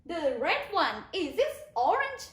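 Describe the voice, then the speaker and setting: Slow, sing-song and very animated, a Thai-accented woman who teaches English to kindergarteners online leads the little ones through repeated questions. Her voice is very high and bouncy, swooping up and down, fairly bright but a bit hoarse, and it rings around the echoey room.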